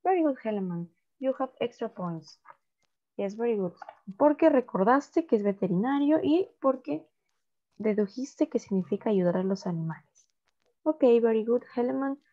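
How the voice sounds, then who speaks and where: A woman teaching an online English class to children, modelling phrases slowly and explaining in Spanish. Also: a little high, lively intonation, dark tone. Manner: patient, slow model reading, switches to Spanish to explain. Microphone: video call. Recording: dull lo-fi call audio.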